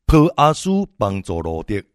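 Man preacher, low, lively pitch, dry close sound, exhorting sermon delivery. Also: normal speed, clean tone, no echo. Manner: exhorting, swings between loud and soft.

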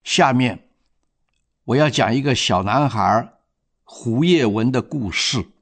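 A man narrating a moral story in a measured, reflective manner. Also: medium pitch, animated.

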